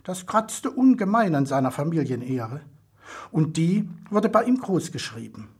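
A man reading a children's story aloud as narrator, with expressive storytelling. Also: on the high side, a little slow, breathy edge. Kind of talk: audiobook reading.

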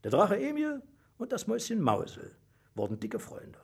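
A man reading a children's story aloud in a lively, sing-song way. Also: high voice, moderate pace, gravelly, breathy edge.

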